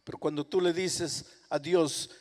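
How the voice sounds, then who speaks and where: A male pastor, telling a story in a sermon and swinging from hushed tones to impassioned outbursts. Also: fairly high pitch, steady tone, measured pace. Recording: echoey hall reverb.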